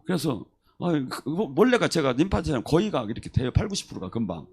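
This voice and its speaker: A man preaching a sermon as a pastor, telling testimony stories in an animated way and acting out the people he quotes. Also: on the high side, quick pace, slightly rough. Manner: animated storyteller who acts out quoted voices.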